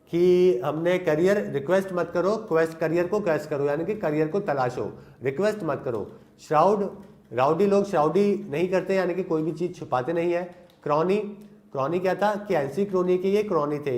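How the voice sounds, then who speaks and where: A young man teaching English vocabulary in Hindi, giving memory tricks and asking questions he answers himself. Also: on the high side. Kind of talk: Hindi lesson on English words.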